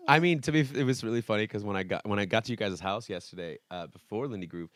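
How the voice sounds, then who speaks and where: A man's voice: on the low side, quick pace, fairly bright tone, no room sound. A young man co-hosting a podcast, chatting casually and rambling with many restarts and quoted asides. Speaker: podcast co-host. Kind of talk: casual chat.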